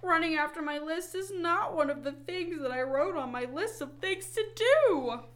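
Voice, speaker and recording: A woman's voice: very high voice, animated, normal speed, voice pushed up. A woman voicing a fussy, literal-minded male toad from a children's storybook, stubborn and dramatically wailing.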